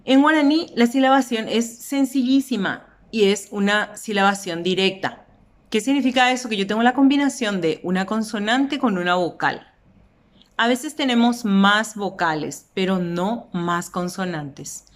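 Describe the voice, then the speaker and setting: Slow, deliberate Paraguayan teacher woman. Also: mid-range voice. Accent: Paraguayan Spanish. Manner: slow, deliberate, stretches out example words. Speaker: language teacher. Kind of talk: explanatory lesson.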